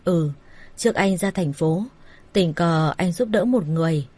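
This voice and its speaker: Voicing a coaxing older brother who works on his younger sister, a woman uses a lowish, mellow, slightly rough voice at a measured pace. The tone is everyday and persuasive, like a smooth-talking manager.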